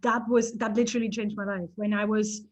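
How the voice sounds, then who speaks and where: A woman from East Germany, a photographer, telling stories in a casual interview with lively restarts and laughter. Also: medium pitch, a little fast, poor audio. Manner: animated storytelling, frequent restarts and laughs.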